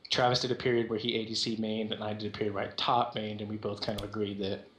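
A man's voice: on the low side, little pitch movement, fast, a bit bright. Man in echoey gaming voice chat. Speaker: team player planning champion picks. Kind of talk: casual gaming team chat. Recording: roomy, echoey voice-chat sound.

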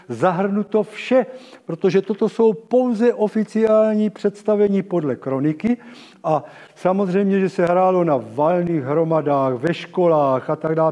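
An elderly man giving a public lecture, halting and correcting himself as he addresses his listeners. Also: on the high side, warm tone. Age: 70s. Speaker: lecturer on local theatre history. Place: large dim auditorium with stage and seated audience. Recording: reverberant hall, long echo.

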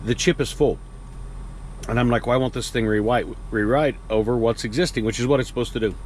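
Filming inside his truck cab at night, and earlier outdoors at a loading yard, a fifty-something truck driver chats in a rambling, filler-heavy vlog. His medium-pitched voice is steady and a little fast, with slight hiss or hum.

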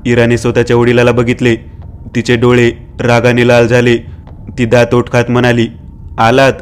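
A man narrating a horror story in a steady, even-toned scripted reading. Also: medium pitch, normal speed, clean tone.

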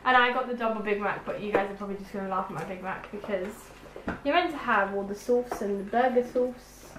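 A woman's voice: mid-range voice, fast. A chatty, teasing woman, hosting a casual food taste-test vlog. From London, England. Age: 20s. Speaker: vlogger co-host. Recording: echoey room with faint background hiss.

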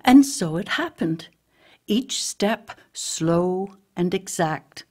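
Woman narrator, storybook reading, gentle, measured, husky voice, lowish pitch. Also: expressive.

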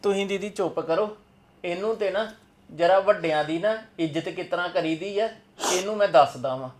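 A woman's voice: fairly low pitch, a little fast, lightly acted. A woman playing a stern, protective young husband in a family drama, scolding. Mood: angry. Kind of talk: amateur family drama acting.

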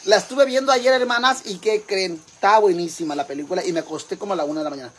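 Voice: mid-range voice, quick pace, breathy edge, natural voice. A performer voicing a crude, boastful Mexican mother with a Mexican accent, rambling gossip to her sisters in a comic monologue. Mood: brash gossip.

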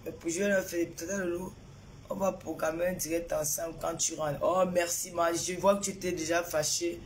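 A woman's voice: on the low side, fairly even intonation, moderate pace, a little hiss or hum. A woman from Cameroon, talking on a phone live stream to her followers, greeting viewers by name and firing off indignant rhetorical questions. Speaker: social media personality.

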